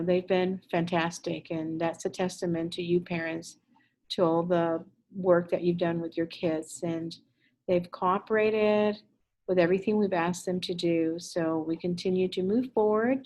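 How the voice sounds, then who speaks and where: A woman's voice: mid-range voice, poor audio. A woman in her fifties from Puerto Rico, a Spanish teacher recording a casual introduction for parents from her classroom, rambling a little with fillers. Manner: chatty, warm-hearted rambling with fillers.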